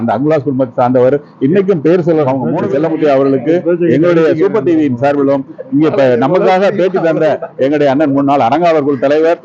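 A man hosts a local TV broadcast, rattling off introductions and thanks at a fast clip. His voice sits a bit high and mellow, and the recording is dull and lo-fi. He sounds effusive throughout. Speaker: TV host. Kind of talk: live event commentary.

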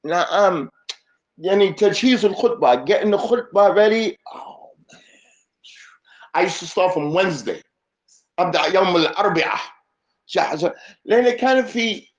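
A man teaching a lesson in a mosque as imam, playful and joking, switching between Arabic and English. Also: high voice. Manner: playful, mixing Arabic and English, laughing asides. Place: mosque hall. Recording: echoey mosque hall, dull sound.

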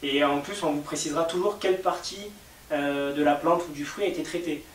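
A man's voice: on the high side, a little fast. A man with a French accent explaining cosmetic ingredients in an interview, patient and step by step, with many fillers. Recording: echoey room, mic at a distance, faint hiss.

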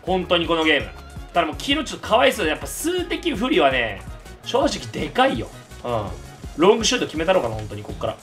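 A man hosting excited game commentary, yelling at his teammates and the game. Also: a little high, fast talker, faint music behind. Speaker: gaming channel host.

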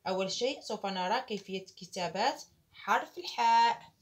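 A woman teaching Arabic writing to children, slowly calling out each syllable and praising often. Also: medium pitch. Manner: slow, deliberate, calls out each syllable loudly.

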